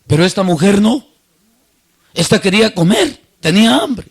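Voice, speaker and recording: A man preaching a sermon, telling a personal story and acting out the voices he quotes, swinging between loud and soft. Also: high-pitched, expressive, normal speed, breathy edge.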